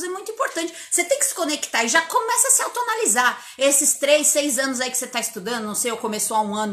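Brazilian woman from inland São Paulo, high-pitched English teacher, punchy and casual, recorded at home. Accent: inland São Paulo Brazilian Portuguese. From inland São Paulo state, Brazil. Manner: lively, emphatic, chatty, swears casually. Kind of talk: informal online lesson. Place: empty bedroom at home.

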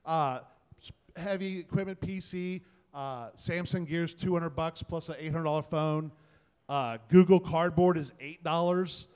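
A tech content creator speaks as a panelist before a small audience in an indoor event space, casual, enthusiastic and colloquial. His voice is fairly high, unhurried and darkish yet clean, and the panel room is reverberant.

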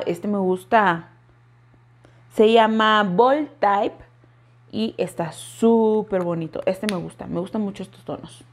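A woman's voice: mid-range voice, a little mellow. A woman giving a casual product review as a vlogger, chatting and talking straight to her viewers. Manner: chatty, keeps addressing viewers directly. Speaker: beauty vlogger.

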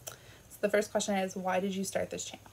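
Chatty Canadian woman with a gravelly edge. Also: medium pitch, level tone, fairly quick, a little mellow. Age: 20s. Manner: chatty, filler-heavy, self-deprecating with frequent laughs. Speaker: booktuber. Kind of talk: casual vlog introduction.

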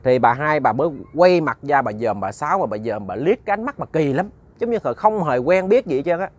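Animated male storyteller. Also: on the high side, fairly quick. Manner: conversational, repeats words, addresses listeners as "cả nhà". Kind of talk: narrated ghost story.

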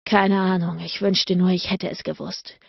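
A woman voicing an intense adult male lover, speaking low and murmured with a rough, deep tone. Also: slow, dry recording, dull audio, exaggerated voice. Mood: heated, breathless. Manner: low, murmured, breathy delivery.

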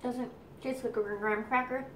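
A woman's voice: fairly even intonation, moderate pace. A woman vlogger chatting casually through a mouth full of cookie during a taste test. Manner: chatty, enthusiastic, lots of fillers. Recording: echoey room, mic far off, faint rumble.

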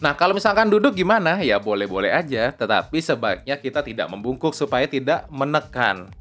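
A young man talks through a voice-over lesson in a loose, chatty way, checking in with his listeners every few words. His voice sits at an ordinary middle pitch. Soft music plays faintly underneath. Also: sing-song, fairly quick. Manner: chatty, fillers like "ya" and "oke", mixes in English phrases. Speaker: voice-over tutor. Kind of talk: casual spoken tutorial. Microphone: close lapel mic.

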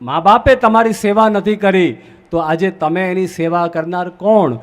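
High-voiced Gujarati man preaching. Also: a little slow. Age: young adult. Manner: preaching with rhetorical questions. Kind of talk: sermon.

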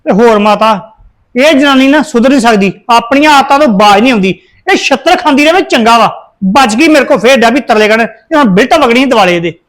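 ਅਦਾਕਾਰ ਵਜੋਂ ਬਹੁਤ ਉੱਚੀ ਸੁਰ ਵਾਲਾ ਖਿਝਿਆ ਪੰਜਾਬੀ ਪਤੀ. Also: male voice, very high-pitched, animated, brisk, fairly bright tone. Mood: fed up. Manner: scolding, complaining. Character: bitter, scolding husband, fed up with his wife. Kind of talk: dramatic dialogue in a family serial.

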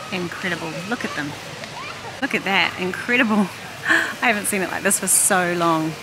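A middle-aged woman with a lowish, gravelly voice films a shopping vlog on a handheld phone in a busy warehouse store. The vlogger chats and thinks aloud as she browses, with loud store noise behind her.

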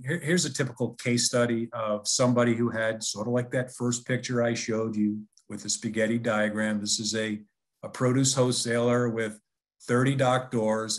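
A man giving a business webinar presentation in a conversational, persuasive way, often restarting his sentences. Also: medium pitch.

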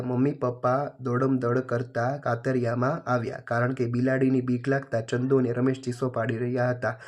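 A male teacher reading out workbook questions and answers in a steady, even way. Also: mid-range voice. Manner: steady, flat reading with small pauses.

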